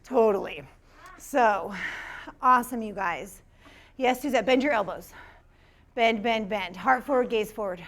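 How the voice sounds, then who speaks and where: A woman's voice: a little high, a little slow, long pauses, fairly bright tone. A woman teaching a live yoga class, upbeat and encouraging, calling out students by name as she cues the poses.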